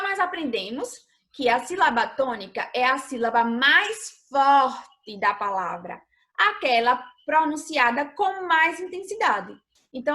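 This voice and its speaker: Speaking with a Brazilian Portuguese accent, this Brazilian woman teaches primary pupils in a recorded remote lesson. She is patient, stretches important words slowly and puts questions to the children, her high-pitched voice carrying a sharp tone.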